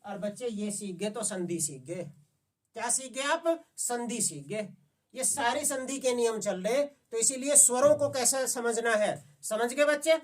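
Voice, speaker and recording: A man's voice: extremely high pitch, unhurried, recorded from a distance. Man teaching, quizzing his students. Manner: asks students questions and answers them himself; coaxing, repeats "समझ गए बच्चे?". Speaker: Hindi teacher. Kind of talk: exam-prep classroom lecture.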